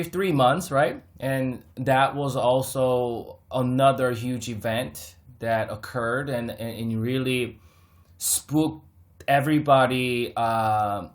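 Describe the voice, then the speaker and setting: A man hosting his own market commentary, talking casually and with lots of energy, as if chatting with friends, laughing and mocking others. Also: medium pitch. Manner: animated, talks to viewers like friends, laughs, mocks others. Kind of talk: casual unscripted market talk to camera.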